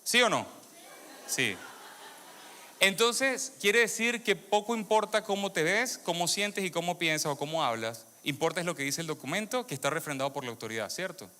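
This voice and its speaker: Bright-voiced Venezuelan-born man preaching. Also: a little high, normal speed. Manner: lively, questions the audience, repeats phrases for emphasis. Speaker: preacher giving testimony. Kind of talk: sermon testimony to a congregation. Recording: long hall reverb.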